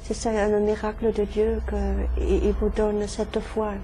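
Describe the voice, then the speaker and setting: A woman's voice: mid-range voice, completely flat delivery, unhurried, mellow, slight background noise. A middle-aged woman from Germany giving a faith testimony in an interview, hesitant, with many fillers and restarts. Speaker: interviewee, musician.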